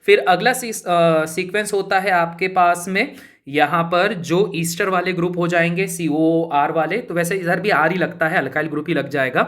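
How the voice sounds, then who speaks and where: A man's voice: high-pitched, moderate pace, a bit bright. A man teaching chemistry in a casual, chatty way, asking his students questions and answering them himself. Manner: informal, keeps addressing listeners as brother and buddy. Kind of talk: casual spoken lesson.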